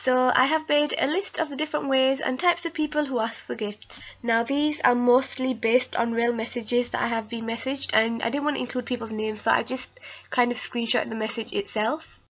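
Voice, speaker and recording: High-pitched young woman, sick, dull recording. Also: fairly even intonation, moderate pace. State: sick, with a cold-affected voice. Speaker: YouTube video creator and narrator. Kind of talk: scripted comedic list narration. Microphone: voice-over recorded off screen.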